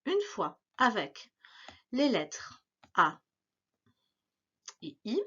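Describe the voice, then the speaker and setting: A woman teacher reads a dictation to young pupils, pronouncing every word slowly and saying it twice. Her fairly high voice rises and falls in a lively singsong way. The recording sounds dull and lo-fi. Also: slightly rough. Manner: slow, carefully articulated, repeating each word.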